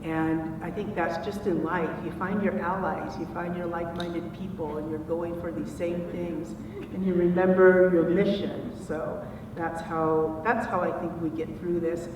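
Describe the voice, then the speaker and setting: Speaking earnestly during a conference panel discussion is a children's author, a woman in her sixties whose voice runs on the low side. She talks steadily and a little slowly, far from the mic, in a noisy, echoey hall captured from afar.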